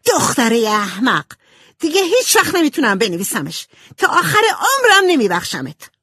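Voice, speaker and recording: A hot-tempered teenage girl who scolds sharply, put on by a woman reading a story. Her voice is a touch husky and swings widely in pitch. The sound is dry and close. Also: sing-song, no room sound. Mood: furious.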